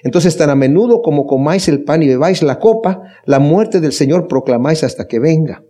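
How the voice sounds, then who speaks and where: A male pastor delivers a sermon in a mellow, fairly high voice. He speaks earnestly and with emphasis, pressing his point with rhetorical questions. He addresses his congregation fondly. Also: animated, a little fast. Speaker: pastor leading a Bible study.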